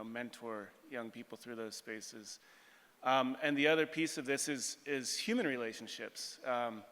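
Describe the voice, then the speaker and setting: Smooth-voiced man asking a long question. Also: medium pitch, a bit bright. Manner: thoughtful, articulate, discursive. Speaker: audience questioner. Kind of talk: long reflective question from the floor. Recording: reverberant conference hall.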